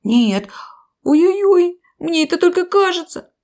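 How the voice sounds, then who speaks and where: A woman voicing a whimpering male crocodile with a toothache, moaning in slow, drawn-out wails in a storybook reading. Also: extremely high pitch, big pitch swings, a little mellow, pitched above the performer's own voice, exaggerated voice. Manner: wailing, slow drawn-out moans.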